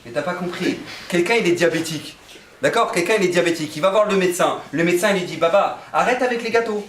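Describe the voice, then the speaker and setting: A male rabbi giving a lively sermon that swings between shouting and quiet, heard from a distance in an echoey hall. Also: high voice, fast talker, slight background noise. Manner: animated preaching, swinging between shouts and hushed tones.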